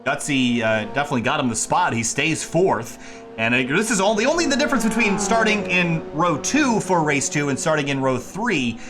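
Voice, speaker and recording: A man's voice: fairly high pitch, expressive, moderate pace, music in the background. A man commentating live on sim racing as a motorsport commentator, calling the action play by play as it happens.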